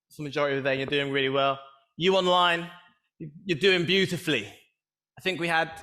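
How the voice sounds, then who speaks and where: A man's voice: high-pitched, sharp tone. A man hosting a live event on stage, playful and teasing with the audience. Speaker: event host. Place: large event hall with an audience. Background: audience murmur.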